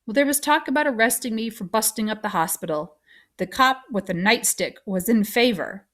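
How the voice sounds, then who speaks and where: A woman reading a novel aloud, expressive. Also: on the high side, moderate pace. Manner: expressive first-person narration. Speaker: audiobook reader.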